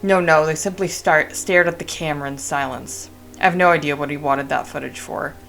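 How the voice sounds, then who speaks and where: A woman reading aloud the lines of a talkative male village priest from a game, in a measured way. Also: deep voice, creaky, a bit bright, soft background music. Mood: calm.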